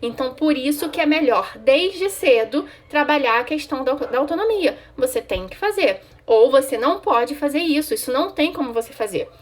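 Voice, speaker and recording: Speaking at a moderate pace with few pauses, a woman who works as a child psychologist advises parents in a conversational way. Her high-pitched voice is animated, and she responds directly to viewers' questions, frequently adding "tá?" to check in.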